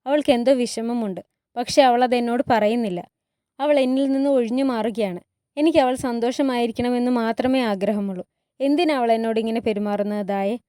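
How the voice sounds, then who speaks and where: A woman's voice: on the high side, brisk, warm tone, dry recording, studio quality, close to an everyday voice. A woman voicing a worried, stern royal mother who speaks in firm, earnest advice in a story retelling. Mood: troubled.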